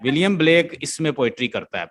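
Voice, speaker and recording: A man's voice: on the high side, very animated, a little fast, fairly bright tone. A male literature teacher lecturing a class, explaining step by step, chanting stress beats aloud and often checking that the students follow.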